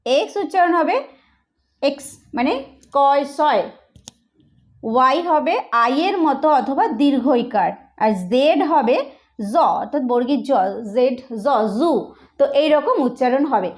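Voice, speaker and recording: A woman with a Bengali accent who teaches English pronunciation in an online lesson. She explains slowly and repeats each sound. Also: high-pitched, lively intonation. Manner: slow, repetitive explaining.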